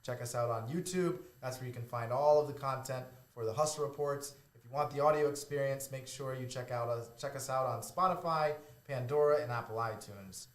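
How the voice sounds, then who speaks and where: A man's voice: mid-range voice, brisk, hardly any pauses, echoey room. A man with a Boston accent co-hosting a podcast, chatting casually and joking between points. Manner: joking, laughs often. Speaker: podcast co-host. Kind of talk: casual chat.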